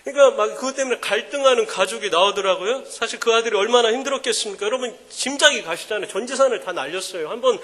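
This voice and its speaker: A man in his thirties giving a joking, animated sermon-style talk at a mothers' prayer meeting. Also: very high-pitched, fast talker, few pauses. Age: 30s. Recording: echoing hall reverb.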